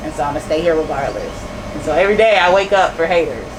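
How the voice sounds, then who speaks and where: Against a noisy background, a store owner in her thirties talks fast in a low-pitched voice with lively intonation. Interviewed casually as a guest, she's candid, tends to repeat phrases, and laughs readily.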